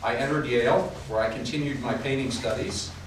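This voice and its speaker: Speaking a little fast, a man performs as a courteous older art professor who welcomes guests and recounts his life in a staged period reenactment. His medium-pitched, everyday-sounding voice is caught by a distant mic in a large echoey room of a house, with slight background noise and audible ambience.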